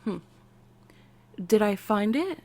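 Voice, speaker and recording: An American woman performs an ASMR roleplay, addressing the listener as an eccentric, excitable female scientist posing as a therapist. Her mid-range voice sounds quirky and welcoming, with a halting, drawn-out delivery broken by sudden swoops.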